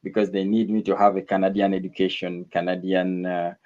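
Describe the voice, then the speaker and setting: A man from northern Uganda with a very low voice, talking as a radio guest. He speaks in a measured way and keeps pausing on fillers. The recording sounds dull and lo-fi. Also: completely flat delivery, a little mellow. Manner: measured, frequent uh fillers and repeated words. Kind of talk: conversational interview.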